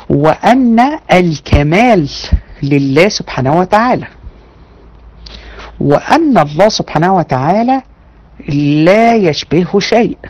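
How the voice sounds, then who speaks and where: A woman with an Egyptian accent teaching a religion class to women online. She talks in a lively, conversational way and asks the class rhetorical questions. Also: low-pitched, poor audio. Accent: Egyptian Arabic. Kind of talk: online lecture to women students.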